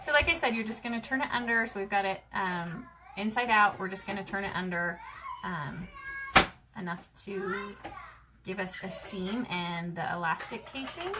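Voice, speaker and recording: Upbeat woman host walking viewers through a craft, rapid and chatty; noisy home recording. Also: mid-range voice, lively intonation. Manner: fast-talking, chatty, many fillers. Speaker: craft show host demonstrating sewing. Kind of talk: casual livestream sewing tutorial. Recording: clear background noise with clicks.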